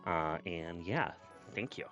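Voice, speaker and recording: Man, low pitch, casual livestream chat, effusive, slightly dull audio with music behind. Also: slow pace, pushed and bright. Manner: effusive, grateful, often thanking viewers. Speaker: streamer and VTuber. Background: background music.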